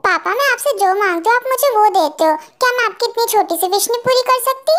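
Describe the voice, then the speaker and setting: A woman's voice: very high-pitched, animated, fast, fairly bright tone. A woman voicing a playful, scheming young daughter in an amateur audio drama, with music playing behind. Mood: wheedling. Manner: playful, wheedling. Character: cheeky scheming young woman, daddy's girl.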